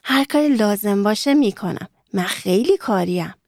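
A woman voicing a small, eager, cheerful pond frog who croaks in a sing-song chant. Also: mid-range voice, lively intonation, a little mellow, no echo, clean studio sound, lightly acted.

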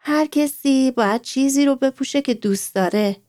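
Woman doing a gentle, patient mother. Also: sits high, dry recording, clean studio sound, voice pushed up, close to an everyday voice. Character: calm, kind mother, a dressmaker.

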